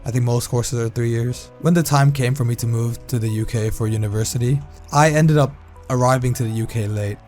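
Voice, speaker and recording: A young man from Thailand telling a candid personal story in a relaxed, casual way while playing a game. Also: mid-range voice, fairly quick, faint music behind. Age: young adult. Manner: relaxed, candid, conversational, reacts loudly during gameplay. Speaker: vlogger. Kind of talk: casual storytime narration over gameplay.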